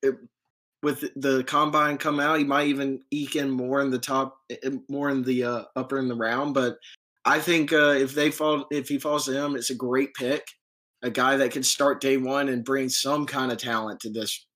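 A man's voice: medium pitch, fairly bright tone. A man co-hosting a casual sports talk show, talking loosely with many fillers and restarts. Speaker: podcast co-host.

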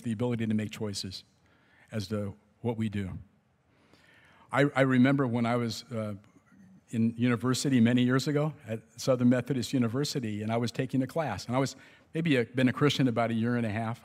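Man preaching in a reverberant hall. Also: medium pitch. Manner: conversational, with chuckles and restarts. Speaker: pastor. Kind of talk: sermon. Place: church sanctuary.

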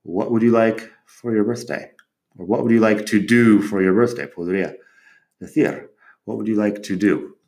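A man teaching grammar in Spanish to learners, repeating each example sentence slowly and clearly. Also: lowish voice, a little mellow. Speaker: English teacher. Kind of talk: language lesson explaining grammar.

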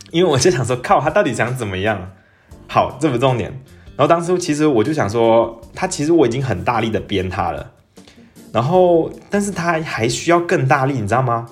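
A young man, telling a personal story in a casual, animated podcast monologue and dropping English phrases into his talk. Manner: animated, jumps up in pitch when excited, mixes in English phrases. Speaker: podcast host.

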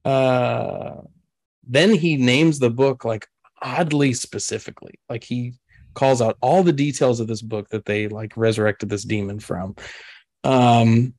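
A man's voice: mid-range voice, slow, darkish tone. A man on a podcast casually recapping a movie plot, rambling with lots of fillers and frequent laughs. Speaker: podcast host. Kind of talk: casual chat recapping a film.

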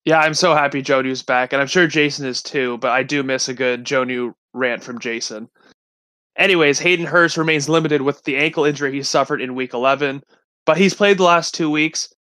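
A man co-hosting a fantasy football show, reading injury news in a steady, matter-of-fact way. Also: fairly high pitch. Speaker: fantasy football podcast co-host. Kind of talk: casual sports news rundown.

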